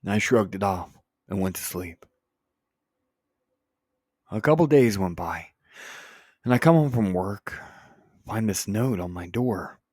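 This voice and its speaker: Slow, low-voiced man telling a horror story. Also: animated, a little mellow, no room sound. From United States. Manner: deliberate, with dramatic pauses and profanity. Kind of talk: scripted first-person horror narration.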